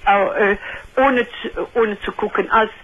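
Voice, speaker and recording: An older woman calling a radio show, telling a painful family story in halting, rambling sentences full of restarts. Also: medium pitch, steady tone, crowd noise. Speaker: caller. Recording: muffled telephone line on radio.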